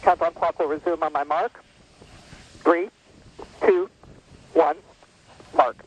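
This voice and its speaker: Console operator, male, crisp callouts, a bit high, coming through a distant clicky mission radio. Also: steady tone, takes it slowly. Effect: clicky space-center radio loop. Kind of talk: mission control radio calls. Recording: distant radio loop with noise.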